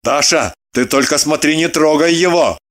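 A fussy, short-tempered husband, as the reader voices him, dragging out each grudging word at a slow pace. His retorts come clipped and snapped through gritted teeth, full of disgust for dirt. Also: medium pitch, fairly bright tone, no echo, lightly acted. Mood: grumbling. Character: fastidious, irritable middle-aged husband, squeamish about dirt. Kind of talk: storybook reading.

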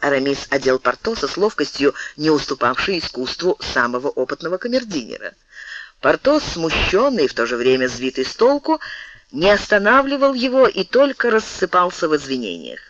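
A man reading an audiobook in an expressive, storytelling manner. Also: a little high, a little fast, no echo, muffled recording. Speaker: audiobook reader. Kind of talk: scripted audiobook narration.

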